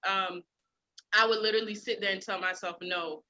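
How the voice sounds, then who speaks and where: Woman, earnest and candid, bright and forceful tone. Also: mid-range voice, steady tone, fairly quick, lo-fi sound. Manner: earnest, candid, repeats words. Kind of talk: casual panel chat.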